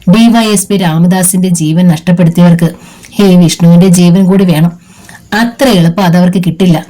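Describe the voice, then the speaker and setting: A woman voicing an injured young man in an audiobook, speaking softly but with firm determination. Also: fairly low pitch, fairly even intonation, moderate pace, lightly acted. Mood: determined. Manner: soft, determined.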